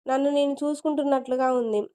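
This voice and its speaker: A woman's voice: sits high, fairly even intonation, fast, dark tone, lightly acted. A woman voicing an emotional middle-aged man who has just woken after many years, speaking in a pleading, tearful way.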